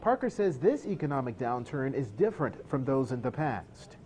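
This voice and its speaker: A man delivering a scripted news report voice-over in a measured way. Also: medium pitch, big pitch swings, background noise.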